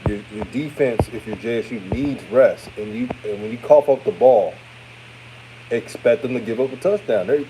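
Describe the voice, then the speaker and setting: The audio is poor with a bit of hiss or hum, carrying a warm, medium-pitched male voice. He is a thirty-year-old sports host from Houston, Texas whose radio voice sounds older, casually reading and answering comments on a postgame livestream and addressing viewers as family.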